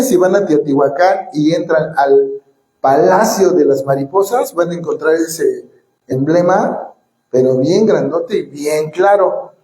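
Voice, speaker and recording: A man's voice: on the high side, mellow. A man giving a talk to an audience and leading breathing exercises, often asking them questions. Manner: questions the audience often, leads call-and-response drills. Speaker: martial arts teacher giving a talk. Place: large echoey hall with an audience. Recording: roomy hall echo.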